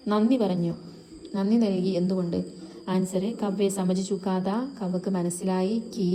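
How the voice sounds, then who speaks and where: A woman's voice: medium pitch, mellow. A woman with a Kerala accent, teaching a textbook lesson, reading out Hindi words and explaining each in Malayalam.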